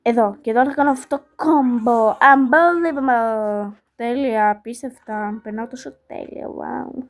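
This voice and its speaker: A woman's voice: a little high, steady tone, creaky, dark tone. Chatty woman thinking aloud over a game. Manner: chatty, thinks aloud about each move, repeats words like "here" and "no"; self-mocking and apologetic toward viewers. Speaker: channel host playing a mobile game. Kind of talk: casual gameplay commentary.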